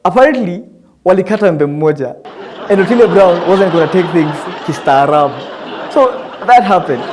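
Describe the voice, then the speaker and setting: A young Kenyan man hosting a comedy review show, mocking his targets with laughter running through his lines. His voice sits high for a man and swings widely in pitch. A faint crowd and some noise sit behind him. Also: lively intonation, normal speed, darkish tone. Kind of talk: satirical commentary.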